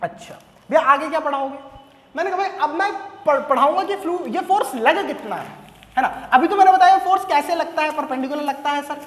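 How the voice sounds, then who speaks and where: A man's voice: very high-pitched, animated, brisk, a little hiss or hum. A male physics teacher giving a playful classroom lecture, repeating himself and acting out little dialogues with his students. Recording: echoey room with long reverb.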